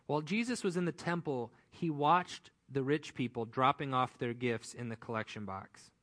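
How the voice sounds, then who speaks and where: A man preaching a sermon as pastor, telling stories in a conversational, animated way. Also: medium pitch, moderate pace.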